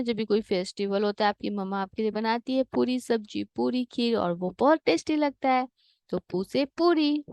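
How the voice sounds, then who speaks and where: A woman's voice: fairly high pitch, gravelly, no echo. A woman teaching young children to read Hindi, sounding out each syllable patiently and slipping in English words. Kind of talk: slow syllable-by-syllable lesson reading.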